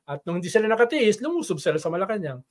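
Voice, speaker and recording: Higher-pitched man explaining politics. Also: very animated, racing. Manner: explanatory, tags sentences with "no?". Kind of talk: casual political talk show discussion.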